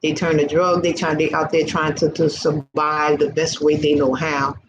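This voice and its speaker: This woman, in her early sixties, exhorts her vlog audience like a preacher, repeating herself fervently as she offers faith encouragement. She has a deep voice with little pitch movement and a moderate pace. The audio is muffled, with noisy hiss behind it.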